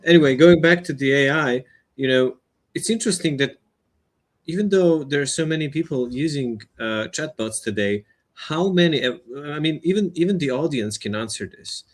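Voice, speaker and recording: A man's voice: on the high side, expressive, moderate pace. A man co-hosting a podcast, talking through ideas casually in a thoughtful, hesitant way. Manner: thoughtful, hesitant, many restarts. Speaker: podcast co-host. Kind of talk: casual chat.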